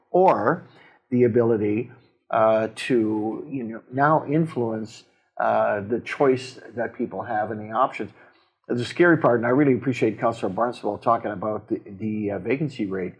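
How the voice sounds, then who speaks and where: A man, a city mayor, explaining council decisions in casual talk, halting with many fillers and restarts, with a Canadian accent. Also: on the low side, breathy edge, poor audio. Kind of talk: casual civic discussion.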